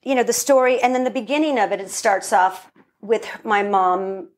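Woman, middle-aged, podcast guest, lively storyteller, mid-pitched voice. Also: moderate pace. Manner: animated storyteller, acts out quoted voices. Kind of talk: casual interview storytelling.

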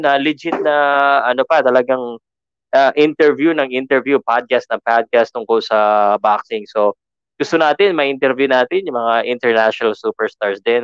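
A man's voice: mid-range voice, clear, resonant tone, no room sound, highs cut off. A man with a Filipino accent hosting a podcast, talking casually with lots of fillers and restarts. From Philippines. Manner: chatty, code-switching, frequent fillers and restarts. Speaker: podcast host.

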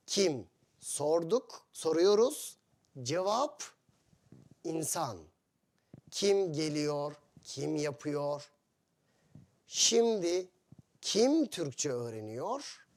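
A man gives a lesson to learners of his language, speaking in short, deliberate phrases. His voice sits a little high and swings widely in pitch, and he talks extremely slowly, repeating each example. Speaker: Turkish teacher. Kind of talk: slow, simplified teaching of Turkish to foreigners.

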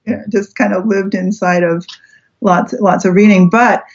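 A woman's voice: mid-range voice, fairly even intonation, normal speed. Canadian woman professor, rambling interview talk. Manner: rambling, many restarts and asides. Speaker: philosophy professor, guest. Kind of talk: casual interview conversation. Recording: dull lo-fi audio.

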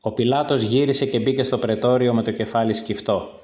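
A man narrating a story in the first person, in a steady, measured reading. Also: mid-range voice.

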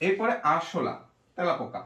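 Man, teacher, drawn-out syllables, animated, echoey room. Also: a little high. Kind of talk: pronunciation lesson.

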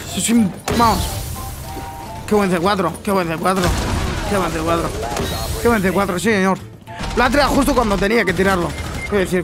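A man with a Spain Spanish accent reacting to gameplay clips as a YouTuber, excitable and swearing, repeating his exclamations. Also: high voice. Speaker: gaming YouTuber.

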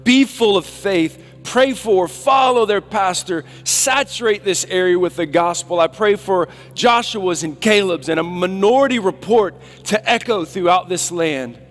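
Guy in his 30s preaching, goes quiet then loud and urgent, big echoey hall. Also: high-pitched, measured pace, few pauses, soft background music. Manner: swings from quiet reflective asides to loud urgent exhortation. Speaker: guest preacher. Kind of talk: sermon. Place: large church sanctuary stage. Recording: long hall reverb.

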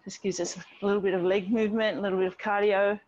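A middle-aged woman with a mid-pitched voice instructs a workout class over a video call. She cues each move step by step and encourages as she goes. The sound is slightly dull and lo-fi, picked up by a device mic at a distance outdoors. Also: little pitch movement, fast talker, a little mellow. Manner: encouraging step-by-step cueing while exercising. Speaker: fitness instructor leading an online group class. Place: outdoor home patio with garden wall. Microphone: distant device microphone on a video call. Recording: dull, band-limited video call audio.

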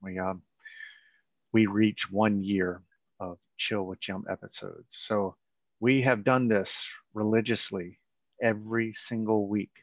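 A man co-hosting a casual webinar over a video call, halting and repeating words as he explains. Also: on the low side, level tone, no room sound. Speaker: company founder and co-host. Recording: muffled video call audio.

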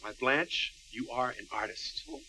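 A man's voice: mid-range voice, expressive, measured pace, pushed and bright, a little hiss or hum, rough recording. An actor playing a hearty man who gushes praise at a dinner, in a 1980s TV drama. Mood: effusive. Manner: effusive and hearty. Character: jovial man praising the cook.

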